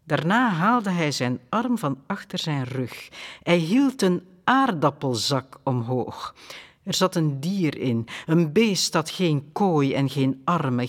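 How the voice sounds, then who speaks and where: A man narrating a children's story audiobook in a calm, expressive storytelling manner. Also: on the high side.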